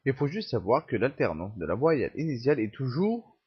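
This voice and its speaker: Male teacher for a grammar lesson, husky and unhurried, dictates words one at a time, muffled lo-fi recording. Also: mid-range voice, big pitch swings. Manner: slow, halting dictation of example words. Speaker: language teacher.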